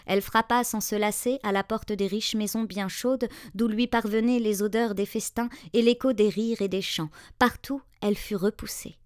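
A woman narrating a fairy tale in a measured, expressive reading voice. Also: medium pitch, no room sound, studio quality. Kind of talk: storybook narration.

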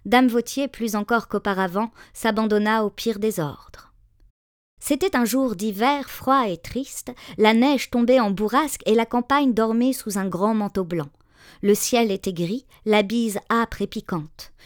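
A woman narrating a storybook tale in a measured, expressive reading voice. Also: fairly high pitch, no room sound, studio quality.

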